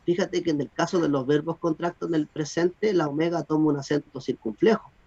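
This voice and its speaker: A man teaching Greek grammar in an online class, explaining rules in an animated way and checking that students follow. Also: a little high, fairly quick, husky. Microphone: video call. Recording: dull lo-fi video call audio.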